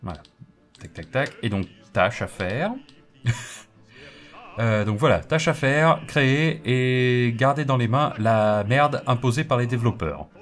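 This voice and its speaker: A man's voice: medium pitch, a little slow. A man hosting a let's play, chatting casually and jokingly as he thinks aloud through the game. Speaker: gaming video host. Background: game music.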